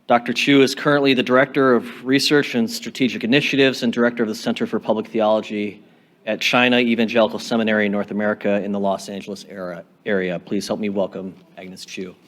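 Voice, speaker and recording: A man's voice: fairly low pitch, little pitch movement, quick pace. A man reading announcements and introducing a speaker at a conference, plain and a little hesitant. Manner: plain, slightly hesitant with fillers. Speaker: conference moderator. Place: conference session room.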